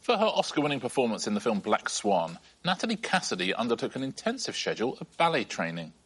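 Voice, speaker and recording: A man hosting a quiz show, reading questions briskly and teasing the contestants in a dry way. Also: mid-range voice, wildly swooping pitch, a bit bright, slightly rough.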